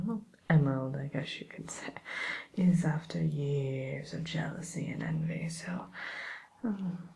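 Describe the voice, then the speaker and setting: Casting: woman to play sly, genteel witch tutor for ASMR roleplay; low soft whisper, slow hesitant delivery, vain and politely condescending. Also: creaky, exaggerated voice. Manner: unhurried, hesitant, politely condescending, addresses listener as pupil.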